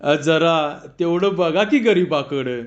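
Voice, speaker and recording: A man's voice: a little high, takes it slowly, highs cut off. A man voicing a poor, humble village man who pleads in rustic village speech. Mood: pleading.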